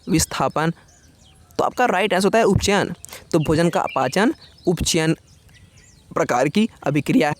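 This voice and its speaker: A man teaching a rapid exam-revision lesson, his voice sitting a touch higher than most men's. He rattles off each question and its choices in quick succession. Then he gives the answer in a relaxed, chummy tone. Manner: quick, casual, keeps saying "yaar" to the viewer; reads out options in a brisk list and then gives the answer.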